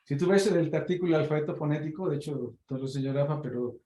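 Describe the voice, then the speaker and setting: A man's voice: fairly high pitch, fast, mellow, reverberant, rough recording. A man leading a research meeting, explaining patiently with fillers like "este".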